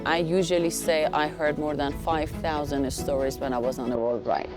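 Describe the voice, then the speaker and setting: A woman who rode around the world tells of it in a plain, matter-of-fact way. Her voice is very low for a woman. Clear music plays underneath. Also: steady tone, moderate pace. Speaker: world motorcycle traveler.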